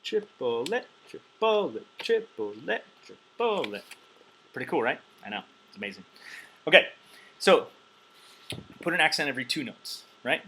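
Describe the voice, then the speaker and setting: A man's voice: medium pitch, expressive, brisk, long pauses, pushed and bright, slight background noise, poor audio. A man teaching drums in a loose, chatty way, counting beats aloud with plenty of ums, wired on caffeine. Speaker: drum teacher. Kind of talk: casual instructional talk.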